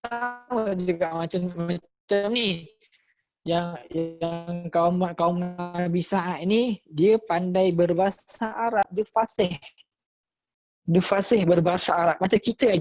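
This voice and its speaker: A man's voice: sits high, darkish tone, no room sound. A man with a Malaysian Malay accent, a religious teacher giving an online lesson to children, patiently repeating key points and quizzing his pupils. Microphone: computer or phone mic on a video call. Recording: dull, dry lo-fi online class recording.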